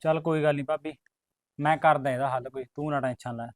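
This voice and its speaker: A man playing a hushed, scheming young villager. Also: fairly high pitch, fairly even intonation, fast, lightly acted. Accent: Punjabi. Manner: pleading, hushing, urgent. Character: scheming young man hiding a secret marriage. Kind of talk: rural village drama acting.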